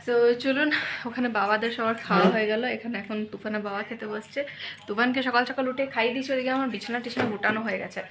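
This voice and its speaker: A woman's voice: on the high side, steady tone, racing, a bit bright. A woman with a Bengali accent chatting through her day at home as a vlogger, giving running commentary on kitchen chores. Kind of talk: casual home vlog narration.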